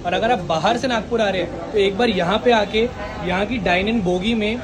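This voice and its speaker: A man's voice: sits high, a little fast, crowd noise. A young man casually vlogging about a restaurant, chatty and upbeat, asking staff questions on a phone camera. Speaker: food vlogger. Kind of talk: casual food vlog. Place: busy city street outside a railway station and inside a restaurant. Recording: crowded street noise behind.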